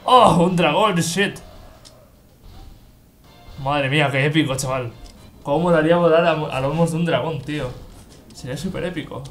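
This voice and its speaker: A man giving let's play commentary, excitable and cursing as he reads game text aloud. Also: on the high side, normal speed, pauses often, faint music behind. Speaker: gaming YouTuber.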